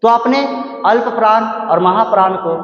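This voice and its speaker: A man's voice: sits high, normal speed, soft background music. A man teaching a grammar lesson, asking the class questions and answering them himself, repeating key words. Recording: echoey room, muffled lo-fi sound.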